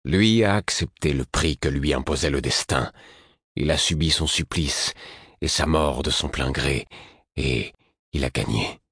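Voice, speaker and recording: A man's voice: a bass voice, lively intonation, unhurried, fairly bright tone, husky, dry recording, clean studio sound, exaggerated voice. A man reading an audiobook and voicing the hero, a cold, resolute young man who speaks coldly and cuttingly.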